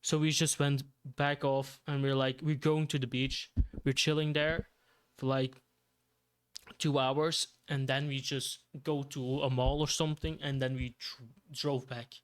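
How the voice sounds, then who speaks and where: Man, from Belgium, streamer, casual rambling chat, unhurried. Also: medium pitch, little pitch movement, smooth. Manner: rambling, laughs often, repeats himself.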